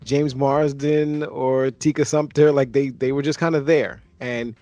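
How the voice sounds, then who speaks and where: A man's voice: medium pitch, level tone, measured pace, a little mellow, no echo, dull audio. Man rambling through a casual movie review. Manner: rambling, self-correcting. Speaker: podcast co-host.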